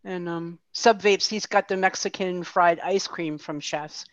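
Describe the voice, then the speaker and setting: A woman's voice: lowish voice, steady tone, a little slow, no echo. Chatty woman on a dull video call. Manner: chatty, friendly, filler-heavy. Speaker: co-host. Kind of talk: casual chat. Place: home room. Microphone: headset on a video call.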